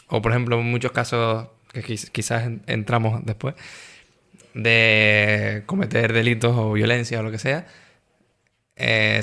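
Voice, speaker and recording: A young adult man with a gravelly, creaky voice at a middle pitch. He hosts the interview in a casual, halting way, restarting phrases and tacking on tag questions. He sounds unpolished and conversational. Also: bright, forceful tone.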